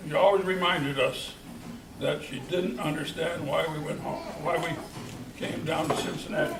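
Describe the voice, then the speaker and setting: Older man reminiscing in an echoey hall. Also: high-pitched. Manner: unhurried, folksy storytelling with restarts. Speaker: charter church member. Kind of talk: reminiscing speech at a church event. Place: church hall. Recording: echoey hall, distant mic, noisy.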